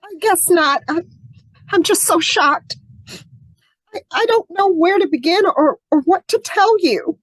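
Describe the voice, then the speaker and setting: Woman acting a high-pitched, fretful housewife. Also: animated, measured pace, pauses often, no room sound, rough recording. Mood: flustered. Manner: hesitant, stammering when questioned. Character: shocked, fretful housewife hostess and new widow. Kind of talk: amateur radio mystery acting.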